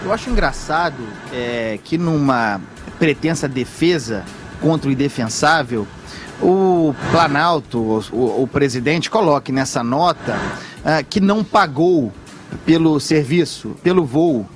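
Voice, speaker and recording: A man with a Brazilian accent giving forceful, rhetorical radio commentary with measured build-ups. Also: on the high side, animated, a little hiss or hum.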